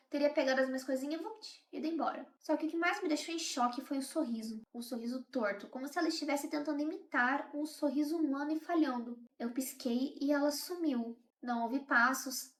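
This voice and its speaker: Woman hosting horror readings, brisk and fairly high-voiced, in an echoey room. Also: a bit bright. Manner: tense, confiding storytelling. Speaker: horror channel host. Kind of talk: first-person horror story reading.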